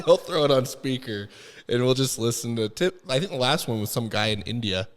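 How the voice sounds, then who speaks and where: A man's voice: mid-range voice, expressive, normal speed, slight background noise. A man making joking quips in a casual podcast chat.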